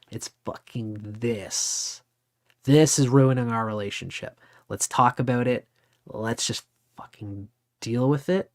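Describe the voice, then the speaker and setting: A man in his forties giving a casual, rambling talk on astrology, conversational and sometimes swearing. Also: mid-range voice. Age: 40s. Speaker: astrology teacher. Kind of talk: casual lecture.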